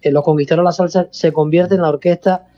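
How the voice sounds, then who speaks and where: Cuban bandleader, warm dull-toned voice. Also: male voice, on the high side, fairly even intonation, quick pace. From Cuba. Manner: expansive, repeats himself, calls host "hermano". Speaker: salsa bandleader guest. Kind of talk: casual radio interview.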